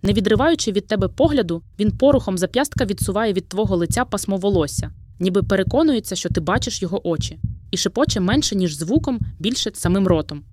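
A woman's voice: mid-range voice, lively intonation, fast talker, noisy background. A woman reading a second-person dramatic story aloud in an intimate, dramatic storytelling manner. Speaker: narrator. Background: background music.

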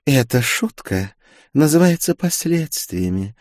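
A man's voice: mid-range voice, big pitch swings, measured pace, darkish tone, no echo, studio quality, pitched above the performer's own voice. A man reading an audiobook, voicing a proud young witch with a silky, mockingly polite and scornful manner. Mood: scornful politeness. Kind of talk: audiobook character voice.

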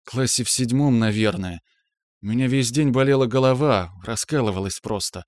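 A man voicing a loving middle-aged mother who speaks in a gentle, cooing way in an audiobook story. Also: mid-range voice, moderate pace, no echo, studio quality, natural voice. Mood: fond.

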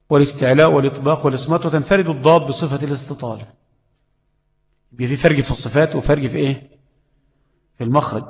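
An Egyptian-accented Quran recitation teacher gives a tajweed lesson, explaining the letters and checking understanding with rhetorical questions. His voice is fairly high, and the poor-quality audio has a long reverb tail.

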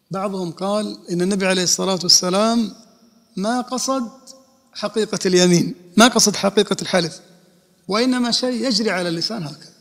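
A man's voice: high voice, vocal fry, fairly bright tone. A man, an Islamic scholar, giving a religious lesson and explaining rulings by posing and answering his own questions. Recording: long hall reverb.

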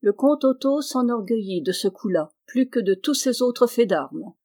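A woman reading the lines of a proud, pale young baron with a grave, measured manner. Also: fairly high pitch, animated, dark tone, pitched above the performer's own voice.

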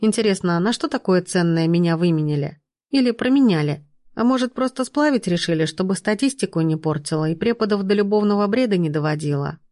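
A woman reading a first-person fantasy novel aloud, lively, lifting her voice for the characters. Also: lowish voice, fast talker, no room sound, studio quality. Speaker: audiobook narrator.

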